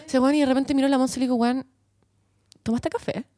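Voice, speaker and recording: Blunt high-voiced Chilean young woman. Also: level tone, very fast, warm tone, dry recording, clean studio sound. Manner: blunt, self-mocking, laughing. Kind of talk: casual chat.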